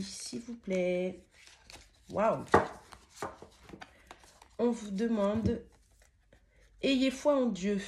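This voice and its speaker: A middle-aged woman reads tarot from her home, chatting and exclaiming as she draws cards. She peppers her talk with little interjections, sometimes rushing and stumbling over her words. Her voice sits at an ordinary pitch, a touch sniffly, with faint background noise. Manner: speaks fast and stammers at times while channeling. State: sniffly, runny nose. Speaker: tarot card reader. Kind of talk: spiritual tarot reading. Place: home with dogs nearby.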